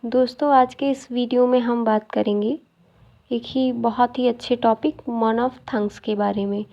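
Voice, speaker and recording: A woman's voice: fairly high pitch, fairly even intonation, a little slow, creaky, highs cut off. A woman teaching a phonetics lesson, explaining step by step and asking questions as she goes.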